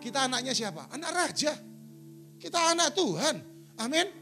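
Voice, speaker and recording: A man's voice: very high-pitched, big pitch swings, moderate pace, bright, forceful tone, soft background music. A middle-aged male pastor preaching a sermon in a church, telling stories and acting out quotes. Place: church sanctuary.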